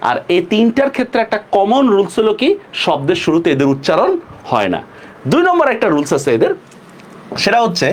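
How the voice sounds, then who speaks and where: A young Bangladeshi man teaching an online pronunciation lesson, asking the class questions and repeating words slowly to show how they sound. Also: sits high. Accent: Bangladeshi Bengali.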